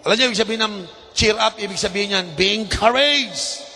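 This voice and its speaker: A man with a Filipino accent preaching a lively, humorous sermon, mixing Tagalog and English and acting out little scenes for the congregation. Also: sits high, rapid-fire. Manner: animated, mixes Tagalog and English, acts out anecdotes in changing voices. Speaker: bishop preaching. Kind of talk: lively sermon with humor and audience call-and-response. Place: church hall. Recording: reverberant hall with faint ambience.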